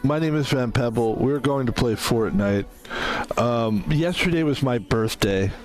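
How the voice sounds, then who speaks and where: A man's voice: mid-range voice, a little slow, soft background music, low-quality recording. A man in his fifties chatting casually as a game streamer, rambling and interrupting himself. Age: 50s. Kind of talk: casual gaming stream chat.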